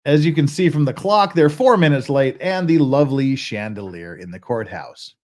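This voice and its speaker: A man's voice: medium pitch, animated, moderate pace, a little mellow. An American man hosting a casual livestream, chatty and joking, often stopping himself mid-sentence. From United States. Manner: chatty, self-interrupting, joking. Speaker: livestream host.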